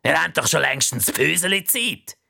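A man's voice: on the high side, sing-song, normal speed, vocal fry, sharp tone, pitched above the performer's own voice, full character voice. A man voicing a fussy, nagging woman in a prison cell.

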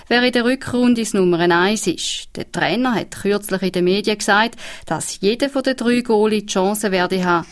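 A woman with a Swiss accent reading regional radio news in a studio, steady and measured. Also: medium pitch. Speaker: newsreader.

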